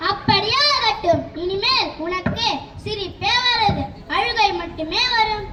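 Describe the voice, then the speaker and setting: A child actor in a school comedy play, delivering bossy, scolding lines. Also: female voice, very high-pitched, takes it slowly. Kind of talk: school annual day comedy drama. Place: school stage hall. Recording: echoey hall with loud noise.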